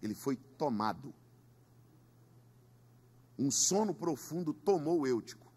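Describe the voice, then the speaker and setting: A pastor, a man with a husky, slightly raspy voice, preaches an emphatic sermon in a church. He asks the congregation to repeat his words and talks in a high register. His pitch leaps widely from line to line. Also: animated, measured pace, a little mellow. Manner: emphatic preaching with call-and-response. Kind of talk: Pentecostal sermon.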